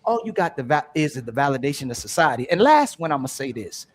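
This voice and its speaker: Man, panel host type, preachy delivery with loud-soft swings. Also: medium pitch, sing-song, fast. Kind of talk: heated livestream panel debate.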